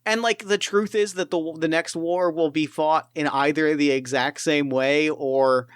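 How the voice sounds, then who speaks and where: A game master with a smooth, resonant male voice chats casually while narrating tabletop play, rambling with lots of fillers and restarts. His pitch sits fairly high and his intonation stays fairly even as he talks at an unhurried pace. The audio is dry and close-miked, with no echo or sense of a room.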